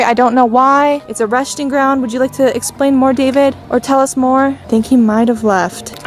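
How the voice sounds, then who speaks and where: A young woman in a casual, chatty ghost-hunting vlog, talking directly to spirits and to her viewers. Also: sits high. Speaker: paranormal vlogger.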